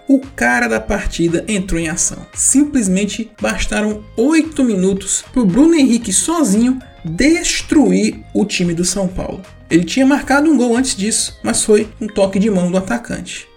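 A man's voice: high voice, animated, normal speed, creaky, few pauses, a little mellow, faint music behind. A man with a Brazilian accent hosting a football round-up in informal scripted narration, emphatic and colloquial, with playful slang.

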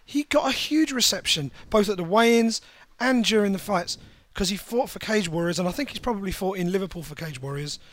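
A man's voice: high voice, lively intonation, brisk, a bit bright, no room sound. A man co-hosting a fight podcast, chatting with wry humor and stumbling over repeated words. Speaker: podcast co-host, MMA journalist. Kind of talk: casual post-fight recap chat.

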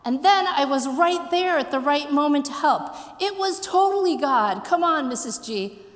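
A cheeky teenage boy, as a woman puts him on, eager and coaxing, his voice pitched up high and bright. He pleads his case with a grin. It rings out with the long reverb of a large hall. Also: sing-song, moderate pace. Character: cheeky teenage boy student, grinning and persuasive.

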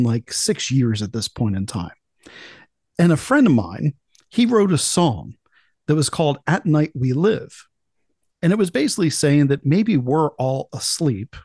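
A man's voice: on the high side, a little mellow, no echo, clean studio sound. A man hosting a talk show in a chatty, casual way, with sarcastic asides. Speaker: podcast host.

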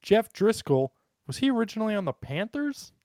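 A man's voice: high-pitched, very animated, a little fast, dark tone, no room sound, clean studio sound. An American man co-hosting a podcast in casual, joking chat, listing off sports names. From United States. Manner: joking, rattles off sports lists. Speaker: podcast co-host.

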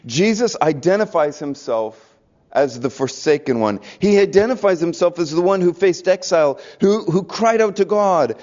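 A man preaching a sermon earnestly, often dropping to a near hush for emphasis. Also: high voice. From American South. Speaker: pastor. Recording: dull lo-fi recording.

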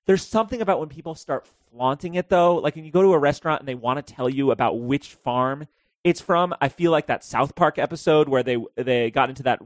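A man's voice: mid-range voice, no room sound. A man co-hosting a podcast in a casual chat, opinionated and rambling, often laughing as he talks. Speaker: podcast co-host.

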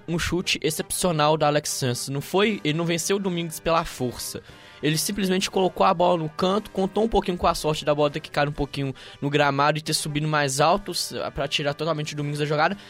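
A man with a Brazilian accent giving conversational analysis as a football co-commentator. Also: on the high side.

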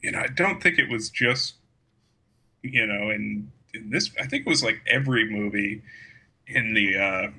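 A man's voice: fairly low pitch, normal speed, bright, forceful tone, breathy edge, rough recording. A man talking through a film in a casual discussion, rambling with many fillers and frequent laughs. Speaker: podcast co-host.

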